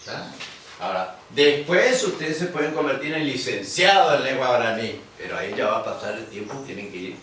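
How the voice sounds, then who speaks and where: A man's voice: medium pitch, lively intonation, brisk, a bit bright. A middle-aged Argentine man from Corrientes teaching a language class, explaining patiently and often checking with tag questions. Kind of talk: classroom lecture. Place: large echoey room, museum workshop. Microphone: far camera. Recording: echoey room, distant mic, faint hiss.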